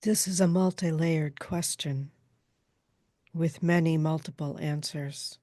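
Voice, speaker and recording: A woman trance channeling a calm female spirit like a seance medium, speaking in formal, halting, measured pronouncements. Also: deep voice, no room sound, clean studio sound. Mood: solemn, measured.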